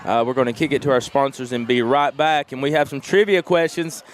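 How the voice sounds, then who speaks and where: A man giving color commentary on a local high school football broadcast, earnest and halting, with many fillers. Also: steady tone, a little hiss or hum.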